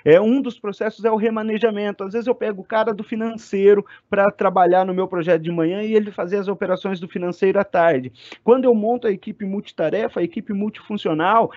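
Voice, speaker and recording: Lecturer, high and quick. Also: male voice, no room sound. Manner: fast, animated, gets loud when excited. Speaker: university lecturer. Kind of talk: online class lecture. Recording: dry, slightly muffled sound.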